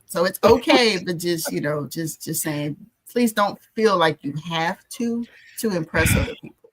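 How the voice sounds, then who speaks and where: A woman's voice: on the low side, expressive, normal speed, low-quality recording. An American woman talking casually as a panelist on a podcast.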